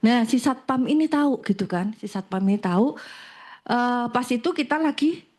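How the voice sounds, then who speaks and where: A woman with a fairly high voice tells her stories in an animated, conversational way. She is a financial planner speaking as a guest. Her delivery is chatty and expressive, with frequent laughter. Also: normal speed. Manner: animated anecdotes, laughs often. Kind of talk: conversational storytelling.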